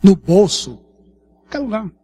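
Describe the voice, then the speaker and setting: A pastor with a São Paulo accent preaches a sermon in a conversational, animated way. His voice sits high for a man and has a husky edge to it. He keeps checking in with the congregation through little tag questions. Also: unhurried. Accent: São Paulo Portuguese. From Brazil. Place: church hall.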